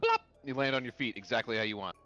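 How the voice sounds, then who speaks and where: A man narrating as game master of a tabletop game over voice chat, relaxed and easygoing, with fillers. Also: medium pitch, fast, dull audio, faint music behind.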